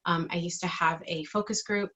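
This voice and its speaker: A woman's voice: fairly low pitch, fairly even intonation, normal speed, bright, forceful tone. A middle-aged woman giving casual, informal interview answers, with hesitant phrasing and thoughts that trail off. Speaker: interviewee, digital marketing team member.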